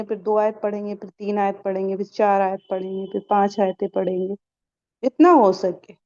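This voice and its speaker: A woman's voice: mid-range voice, dark tone, dull audio. Quizzing woman teaching Quran recitation. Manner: quizzing, asks questions and answers them herself. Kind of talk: online tajweed class for women.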